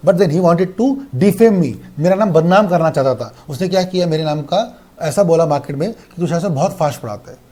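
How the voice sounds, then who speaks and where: A young man teaching law in a fast, animated online lecture that mixes in English. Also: a little high. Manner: fast-talking, animated, repetitive.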